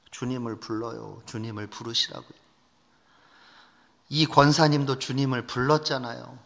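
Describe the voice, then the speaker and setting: A man's voice: high-pitched, bright, forceful tone. A man preaching a sermon as a pastor, emphatic and earnest, building into fervent pleading. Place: church sanctuary. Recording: long church reverb.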